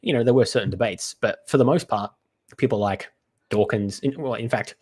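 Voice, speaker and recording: A man with a congested, stuffy-nosed voice gives unscripted reaction commentary, halting and often restarting as he thinks aloud. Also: medium pitch, darkish tone, husky. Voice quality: stuffy nose from being sick. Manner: hesitant, halting, digressive with many restarts. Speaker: commentator reacting to apologetics content.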